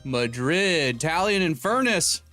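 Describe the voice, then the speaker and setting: A young man with a slightly high voice hosts a relaxed live stream from a home room, talking into a desk mic. He jokes around and calls out viewer names and donations as they come in. Faint background music plays under his voice. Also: takes it slowly. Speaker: streamer host. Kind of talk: casual live-stream chat.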